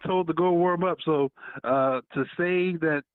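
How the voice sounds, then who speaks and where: A man's voice: on the high side, a little slow, clean tone, dry recording. A man calling in by phone to a casual sports debate, arguing his case and repeating his points. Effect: heard over a phone line. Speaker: caller. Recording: dull, dry lo-fi phone call.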